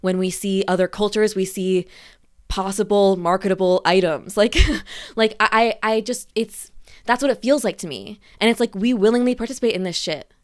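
A woman's voice: mid-range voice, normal speed, smooth. A young woman ranting in a rambling, frustrated way, laughing between points and a little out of breath. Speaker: freelancer venting on camera. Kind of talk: casual monologue rant.

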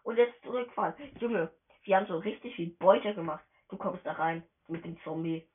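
A woman giving casual, excitable let's-play commentary as she plays, chatty and slangy, often tripping over her words. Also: fairly low pitch, moderate pace. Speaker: gamer narrating her play. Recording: tinny phone-quality voice message.

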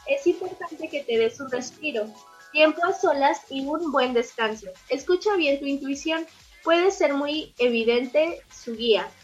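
Husky-voiced woman reading horoscopes. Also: high-pitched, muffled recording. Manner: steady reading, lightly informal. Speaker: horoscope reader. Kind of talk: reading horoscopes on a radio show.

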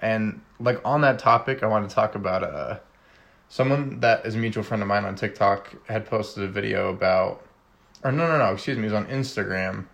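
Gravelly-voiced man hosting a casual chat. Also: fairly low pitch, a little fast. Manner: relaxed, conversational, frequent fillers. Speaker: host.

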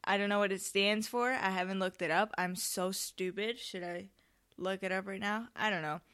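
Teen girl from spain rambling on her podcast, lots of ums, smooth clear voice, kinda tired and nervous. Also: medium pitch, steady tone, moderate pace, fairly bright tone. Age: late teens. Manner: rambling, self-interrupting, many ums. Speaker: podcast host. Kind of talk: casual solo podcast chat.

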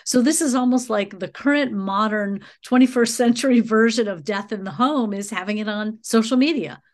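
A woman's voice: on the high side, moderate pace. A woman hosting a casual, conversational interview. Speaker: podcast interviewer.

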